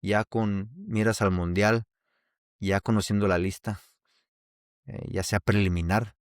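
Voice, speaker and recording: A Mexican man with a Mexican Spanish accent hosts a casual solo podcast, rambling and restarting often. His fairly low voice has a clear, resonant tone, fairly even intonation, and a slightly slow pace. The recording is dry and studio-clean.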